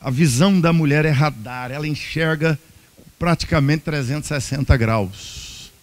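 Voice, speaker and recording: A man's voice: a little high, normal speed. A man with a Brazilian Portuguese accent, preaching a humorous sermon as pastor at a couples' retreat and acting out little dialogues. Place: church hall.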